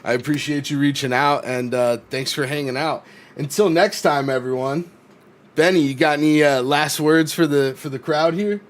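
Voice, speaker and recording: A man hosting a casual livestream, talking in a relaxed, friendly way with many fillers. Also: on the high side, normal speed. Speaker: stream host.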